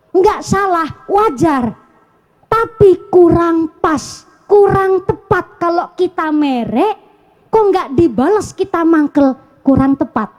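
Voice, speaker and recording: A woman's voice: extremely high pitch, darkish tone. A woman preacher with a Banyumasan Javanese accent giving a humorous sermon, telling stories and putting rhetorical questions to her audience.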